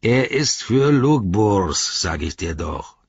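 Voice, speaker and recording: A gruff, bossy orc captain, as a man puts him on, barking commands in a raised, husky voice. The reading sounds dull and lo-fi, close and dry. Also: fairly low pitch, very animated, slow pace, no echo, full character voice.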